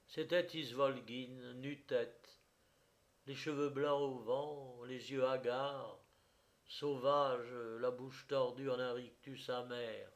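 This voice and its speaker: Slow, expressive male storyteller. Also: medium pitch. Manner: measured, expressive reading. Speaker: narrator. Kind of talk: dramatic literary narration.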